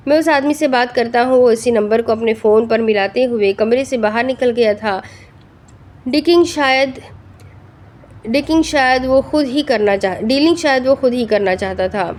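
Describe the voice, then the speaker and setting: Woman narrator, novel audiobook, steady expressive reading, somewhat high voice.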